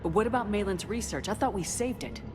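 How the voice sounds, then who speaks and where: An actress playing a composed, authoritative human military commander in a video game, direct and measured in manner. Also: female voice, mid-range voice, expressive, over music, close to an everyday voice. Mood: surprised, probing. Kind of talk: video game cutscene acting.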